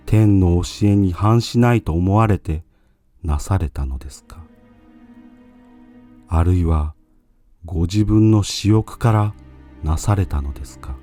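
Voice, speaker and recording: Man acting Saigyo, earnest pleading monk, dark voice. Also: sits low, voice pushed up. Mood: earnest reproach. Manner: pleading, reverent, formal. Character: Saigyo, earnest grieving male poet monk. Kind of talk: dramatised storytelling.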